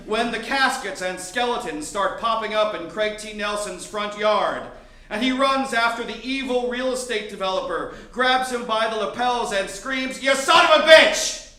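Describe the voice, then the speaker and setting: A man's voice: high voice, a little slow, sharp tone, reverberant. A man from Miami telling a wry, sardonic personal story onstage in a theater. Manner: wry, sardonic, building to mock outbursts. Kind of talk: live storytelling performance. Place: theater stage.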